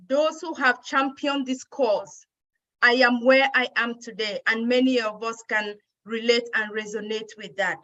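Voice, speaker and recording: A woman's voice: on the high side, pushed and bright, muffled recording. A woman from Cameroon giving an earnest, grateful personal speech at a women's day event.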